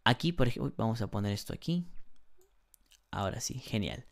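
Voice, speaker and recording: A man teaching an English grammar lesson, patiently explaining rules, asking rhetorical questions and slowing down to stress key points. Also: fairly low pitch, animated, vocal fry.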